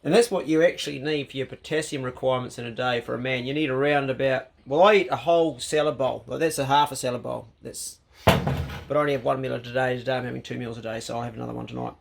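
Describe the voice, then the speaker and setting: A man's voice: medium pitch, fairly even intonation, quick pace, creaky, very noisy. A man with a broad New Zealand accent, chatting casually to camera as a vlog host in a laid-back, slangy, blokey way.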